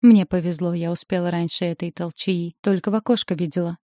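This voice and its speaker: A woman voicing a shrewd, composed young female contestant who speaks in a measured way. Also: fairly low pitch, steady tone, warm tone, no echo, clean studio sound, natural voice. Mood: curious.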